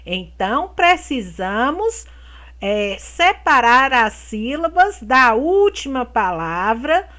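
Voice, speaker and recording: A high-pitched woman teacher talks to young children in a slow, deliberate way, stretching out each word. Her voice is bright and swings widely in pitch. She keeps checking in with the class through little tag questions. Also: sing-song. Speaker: primary school teacher. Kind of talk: remote classroom lesson for children.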